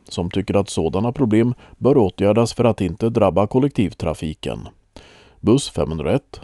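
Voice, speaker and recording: A man reading a local news report in a measured, even delivery. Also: fairly low pitch, no echo, clean studio sound. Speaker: news reader.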